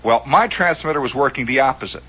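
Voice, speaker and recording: A man telling a story in a radio monologue, animated and chuckling as he acts out the scenes, on a dull lo-fi recording. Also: medium pitch, fast talker, breathy edge.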